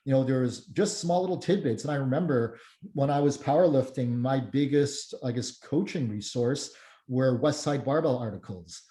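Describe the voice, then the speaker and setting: A man's voice: medium pitch, moderate pace, mellow. A man in his thirties chatting casually as a podcast guest, rambling with many restarts and fillers. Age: 30s. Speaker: strength coach and guest. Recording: roomy echo.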